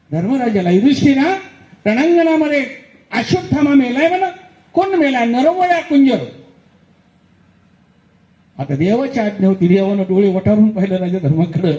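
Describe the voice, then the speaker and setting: A man's voice: high-pitched, warm tone, roomy sound, low-quality recording. A man preaching a devotional kirtan sermon, telling the story dramatically and putting questions to the crowd, then answering them himself.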